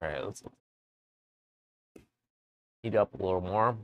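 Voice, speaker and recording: A man streaming live from his woodworking shop, chatting casually with viewers in a relaxed, rambling way. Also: deep voice, unhurried, no room sound, narrow, tinny audio. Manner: relaxed, rambling, chats with viewers between tasks. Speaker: woodworking livestreamer. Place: home workshop.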